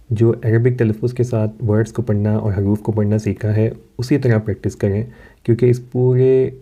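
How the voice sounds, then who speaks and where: A man teaching a recorded Quran reading lesson, explaining calmly and patiently and stretching out syllables slowly when he models the words. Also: lowish voice.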